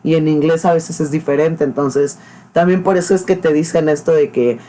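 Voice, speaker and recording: A man's voice: on the high side, steady tone, moderate pace, mellow, a little hiss or hum. A man with a Mexican accent hosting a reaction video, making sarcastic, mocking remarks. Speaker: host. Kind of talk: reaction commentary.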